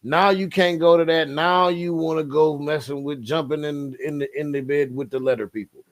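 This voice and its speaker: Animated higher-voiced man in casual chat. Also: normal speed. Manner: animated, emphatic, frequent "bro" and "like". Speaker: podcast co-host.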